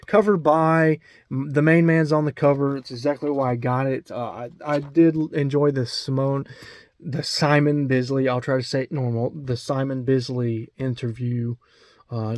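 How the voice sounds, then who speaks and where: A man's voice: mid-range voice, darkish tone. A man with an Alabama accent talks casually about his comic book collection, rambling with lots of ums and restarts. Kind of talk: casual video chat.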